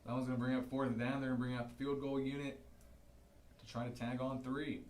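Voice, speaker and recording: A young man giving color commentary for a high school football livestream, explaining plays and reading out other scores. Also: little pitch movement, fast talker, darkish tone. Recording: roomy sound with noise.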